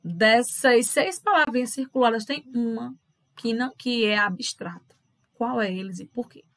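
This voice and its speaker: A Brazilian woman teacher talks a class of children through a worksheet in a fairly high voice. She is patient and keeps asking the pupils whether they follow. The sound is dry and close, with no room echo. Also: moderate pace. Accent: Brazilian Portuguese. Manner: patient, addresses pupils directly with tag questions. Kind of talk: recorded lesson walking through worksheet questions.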